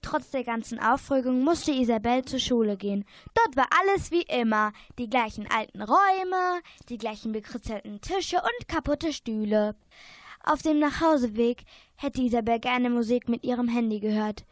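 A woman's voice: a little high, normal speed, no echo. A young female narrator reading a youth radio play steadily, with small slips now and then.

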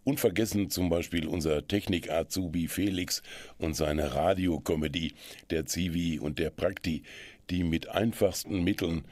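A man presenting a community radio magazine in a calm, measured manner. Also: deep voice, dry recording. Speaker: radio host. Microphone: studio microphone.

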